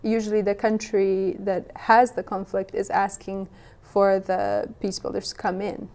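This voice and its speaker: A woman's voice: medium pitch, level tone, a little slow, a little mellow. A young woman from Western Bosnia, answering interview questions thoughtfully, with frequent restarts. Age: young adult. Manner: thoughtful, many restarts and "you know". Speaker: guest.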